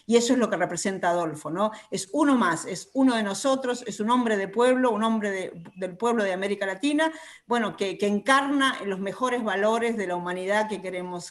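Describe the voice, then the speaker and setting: A woman from a human rights commission, speaking fervently with repeated phrases. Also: mid-range voice. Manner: fervent, repetitive rhetoric. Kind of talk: speech.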